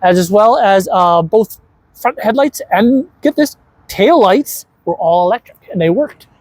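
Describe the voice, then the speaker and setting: A man's voice: high voice, expressive, measured pace, a little mellow, no room sound. A man chatting casually as he explains old electric cars in an indoor museum, enthusiastic and rambling, with many restarts. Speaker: co-host explaining car exhibits. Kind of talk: casual chat touring a museum. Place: indoor car museum hall.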